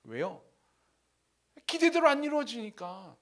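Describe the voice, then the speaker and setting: A man preaching a sermon as pastor. He drops to hushed whispers, then rises to loud, emphatic lines, and acts out the people he quotes. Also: very high voice, sing-song, unhurried. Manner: acts out quoted speakers in his own voice. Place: church.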